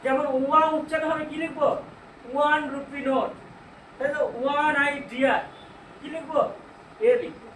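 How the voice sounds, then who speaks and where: A man's voice: very high voice, steady tone, pushed and bright. Man, Bengali accent, English grammar teacher, quizzing the class, echoey hall, distant mic. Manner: asks the class questions, then answers them himself; reads English sentences slowly and explains them. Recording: echoey room, far from mic, noisy.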